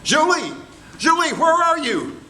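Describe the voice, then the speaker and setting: A man's voice: sits high, expressive, moderate pace, fairly bright tone. A man voicing a bashful, smitten trapper from a tall tale, with singsong calls and shy stammering. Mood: calling out. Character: bashful, smitten male trapper calling on his sweetheart. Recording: distant, echoey room with background noise.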